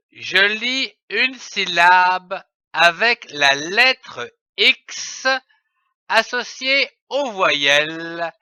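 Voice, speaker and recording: Slow, bright-voiced man teaching reading. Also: high-pitched, dry recording, dull audio. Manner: spells out letters and repeats syllables deliberately. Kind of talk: slow syllable-by-syllable reading lesson.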